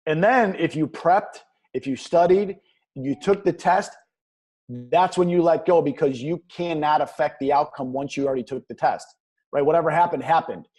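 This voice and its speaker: A slightly high-pitched man with a mellow, soft-edged tone, talking as a guest coach in an interview. He speaks earnestly and with motivational drive, circling back to favourite phrases as he makes his point. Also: moderate pace, slightly rough.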